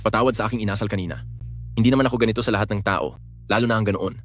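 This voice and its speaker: A man's voice: lowish voice, steady tone, very fast, faint music behind, lightly acted. A man dubbing a proud young prince in a period drama, clipped and brooding. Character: proud young male prince, guarded and intense.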